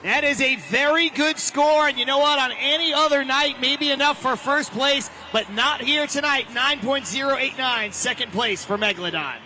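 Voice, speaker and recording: A man working as an excited hype announcer, projecting sports commentary to a crowd at a motorsport event. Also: extremely high pitch, normal speed, hardly any pauses, slight background noise. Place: outdoor motorsport stadium event.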